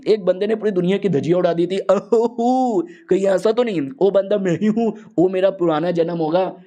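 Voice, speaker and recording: A brash young male disciple from a manga retelling, cheeky and quick to panic, voiced by a man. He talks in a raised, excitable register and throws out slang. The tone stays mellow and warm underneath. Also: high-pitched, natural voice. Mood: puzzled.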